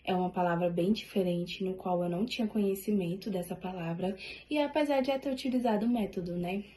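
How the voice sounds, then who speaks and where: A woman's voice: mid-range voice, fairly quick, mellow. A woman giving a class presentation, hesitant and full of tag fillers. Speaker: student presenter.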